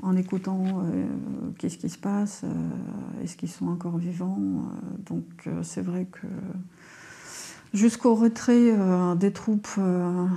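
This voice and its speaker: A woman from Ukraine, a lawyer, giving a halting, emotional testimony in a recorded video. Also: fairly low pitch, expressive, warm tone. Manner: halting, emotional, many fillers.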